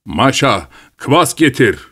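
A man voicing a sly old peasant father who talks in a gruff, scolding way. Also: sits low, normal speed, no room sound, studio quality, lightly acted.

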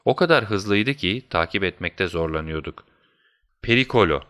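Low-voiced man narrating a story. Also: expressive, brisk, fairly bright tone, clear, resonant tone. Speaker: audiobook narrator. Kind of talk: first-person scripted narration.

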